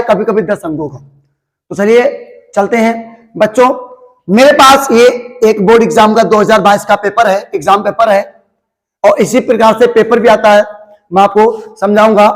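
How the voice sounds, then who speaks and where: Patient high-voiced male teacher. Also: low-quality recording. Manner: patient, repeats each step slowly and addresses students as children. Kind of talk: classroom-style lesson for students.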